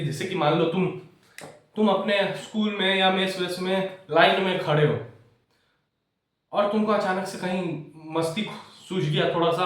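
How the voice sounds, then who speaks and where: A man tutoring physics in a chatty, casual way, checking that students follow and wandering into jokes. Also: high voice. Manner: digresses with jokes. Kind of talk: casual classroom lecture. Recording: echoey room, far from the mic.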